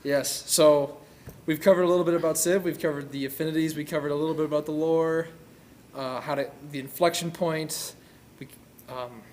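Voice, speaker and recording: A man's voice: fairly high pitch, fairly even intonation, a little fast, a little mellow, slight background noise. A young man co-hosting a casual gaming chat, explaining eagerly and often restarting his sentences, recorded by a far camera in a large hall. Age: young adult. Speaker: co-host. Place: large indoor auditorium.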